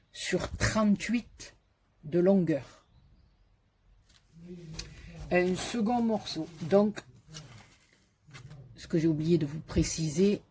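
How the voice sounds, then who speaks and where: A woman with a Marseille French accent hosting a casual scrapbooking tutorial, chatty and joking, and repeating the measurements slowly. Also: lowish voice, dark tone, slight background noise. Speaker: scrapbooking video host.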